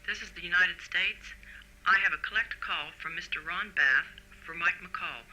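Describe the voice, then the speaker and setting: A man's voice: high-pitched, normal speed, bright, forceful tone. A man working as a telephone operator, heard over a payphone line, speaking in formal scripted operator phrasing. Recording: thin distant phone line.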